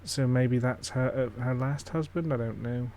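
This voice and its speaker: Man, casual reaction commentary, skeptical, blunt, mid-pitched. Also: moderate pace, dark tone, slight background noise. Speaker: streamer reacting to a ghost-hunting show. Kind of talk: casual live-stream commentary.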